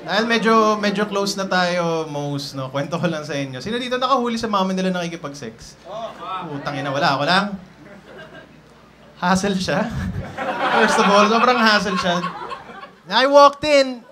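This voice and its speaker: A man's voice: sits high, a little fast, over a noisy crowd. Filipino man doing stand-up. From Philippines. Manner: animated, swearing, acts out family members. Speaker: stand-up comedian. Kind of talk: stand-up set mixing English and Filipino. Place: comedy club stage. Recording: noisy live room.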